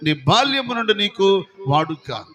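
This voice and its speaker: A man's voice: high voice, big pitch swings, measured pace, pushed and bright. A male pastor preaching a sermon, repeatedly putting questions to his congregation.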